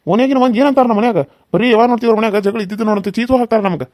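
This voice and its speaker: A man's voice: very high-pitched, very fast, darkish tone, no echo, clean studio sound. A man voicing a stern cartoon father-in-law. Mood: scolding. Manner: scolding, lecturing. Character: stern middle-aged father-in-law, head of family. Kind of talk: cartoon serial voice acting.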